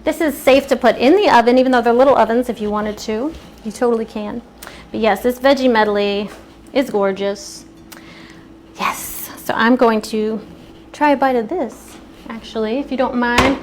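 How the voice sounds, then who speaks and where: A woman's voice: fairly high pitch, moderate pace, slight background noise. A woman hosting a live cooking demonstration, chatty and upbeat, sometimes stepping away from the mic. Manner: chatty, upbeat, eating while talking.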